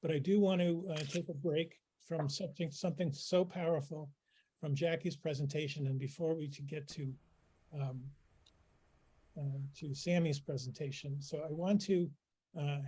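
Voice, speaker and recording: A man with a fairly high voice hosts an online event. He has lost his voice and sounds hoarse. He talks haltingly, with lots of fillers. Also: steady tone, mellow. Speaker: event host.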